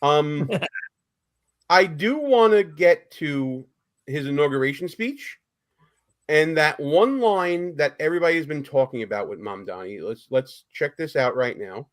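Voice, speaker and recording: A male talk show host with a Brooklyn accent chats informally through a live political stream. His voice sits quite high for a man and moves up and down with a lot of animation. He is loose and a little salty in his wording. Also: lively intonation, unhurried. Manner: chatty, profane, informal.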